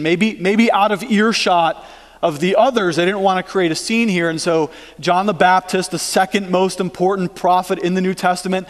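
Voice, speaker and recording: A middle-aged man preaching a sermon as pastor, conversational and emphatic, often asking the congregation questions. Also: high-pitched. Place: church sanctuary. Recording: long church reverb.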